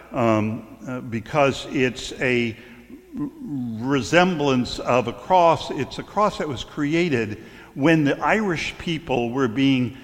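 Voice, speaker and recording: A man's voice: medium pitch, a bit bright. Man preaching in a reverberant hall. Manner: conversational storytelling with stumbles and fillers. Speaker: clergyman. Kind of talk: sermon.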